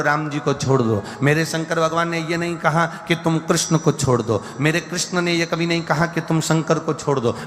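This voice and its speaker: A man preaching a devotional sermon from central India, slow and repetitive, building his points through lists. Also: fairly high pitch, a bit bright. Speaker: religious storyteller. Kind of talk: devotional sermon with sung verses. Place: large live gathering hall. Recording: long hall reverb with faint music.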